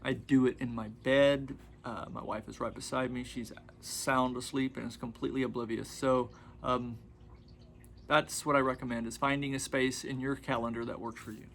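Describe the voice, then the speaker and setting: A man in his forties, a massage and meditation instructor, casually introducing a guided relaxation session in a rambling, conversational way with frequent pauses. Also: medium pitch, level tone, vocal fry, fairly bright tone, slight background noise. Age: 40s. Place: room with a padded floor mat.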